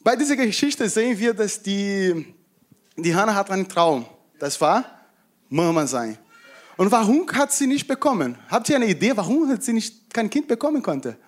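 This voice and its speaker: A man preaching to a congregation, retelling a Bible story in a lively way, acting out quotes and asking his listeners questions. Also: sits high, normal speed.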